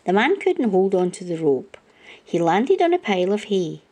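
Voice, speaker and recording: This is a woman with a mid-range voice reading a children's storybook aloud, narrating expressively at normal speed.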